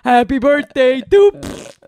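A woman's voice: lively intonation, takes it slowly, a little mellow, dry recording, studio quality, heavily acted. A woman voicing a brash, boastful birthday bunny mascot with a boisterous voice who rambles through mock ad reads. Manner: rambling mock ad reads, wild pitch swings.

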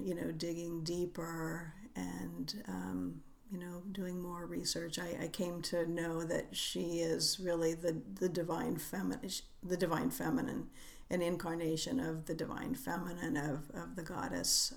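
A middle-aged woman, a writer who is a guest on a podcast, talking reflectively in an unhurried, musing way with frequent hesitations. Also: on the low side, vocal fry. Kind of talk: reflective conversational interview.

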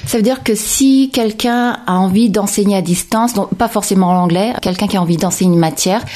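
Woman interviewer, mid-pitched voice. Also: fairly quick, mellow. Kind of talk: casual interview talk.

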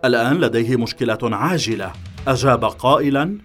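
A man narrating a thriller in a measured, dramatic storytelling manner, over faint background music. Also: mid-range voice, animated, a bit bright. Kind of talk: scripted audiobook narration.

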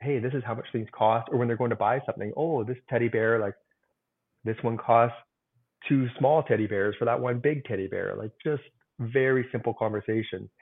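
A man's voice: mid-range voice, fairly quick, creaky, husky. A man being interviewed as a guest author, explaining earnestly with simple examples and many "like"s. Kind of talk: conversational interview. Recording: tinny phone-like remote call audio.

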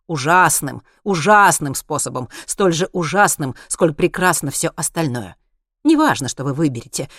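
Male narrator as a cold, menacing scientist interrogator; measured, icy, dry studio. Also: a little high, dry recording. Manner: slow, icy, measured, bursting into shouts. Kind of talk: audiobook character reading.

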